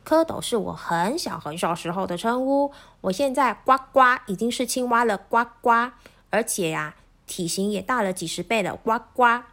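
A woman voicing a polite male frog in a children's story, croaking between words. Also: a little high, lively intonation, normal speed, fairly bright tone. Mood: indignant.

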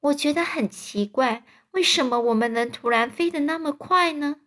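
A woman's voice: high voice, moderate pace, a bit bright, voice pushed up. Woman reading as a polite storybook ladybug, wondering and light. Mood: puzzled. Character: curious polite female ladybug.

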